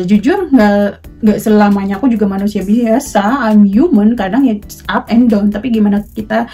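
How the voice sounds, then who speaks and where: A young woman from Indonesia chatting casually to her viewers as a vlogger, mixing in English words and pausing often on fillers. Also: medium pitch, dark tone. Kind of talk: casual talk to camera.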